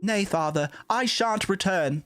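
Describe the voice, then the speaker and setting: A man puts on a young, lovelorn princess for a melodramatic game stage play. The voice is raised and slow, pleading earnestly in old-fashioned speech. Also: high voice, fairly bright tone, voice pushed up. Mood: defiant.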